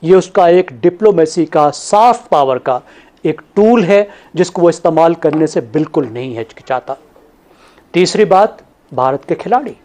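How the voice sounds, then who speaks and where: High-voiced man laying out points. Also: darkish tone. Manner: measured, listing points in order. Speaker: panelist. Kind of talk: TV panel analysis.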